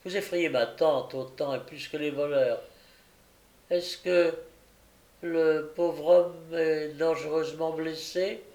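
Brief: gentle, calm young lady, read by a man, soft and slow. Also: on the high side, echoey room. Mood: hushing. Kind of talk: audiobook reading.

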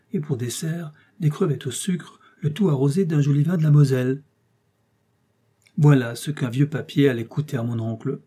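A man reads a classic novel aloud as an audiobook narrator, measured and wry. His voice is dark and husky at a middle pitch. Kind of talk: scripted narration.

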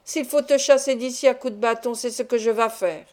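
A woman doing a harsh shouting peasant man. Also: on the high side, a little fast, lightly acted. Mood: angry. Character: gruff brutal peasant man, greedy. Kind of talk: audiobook reading.

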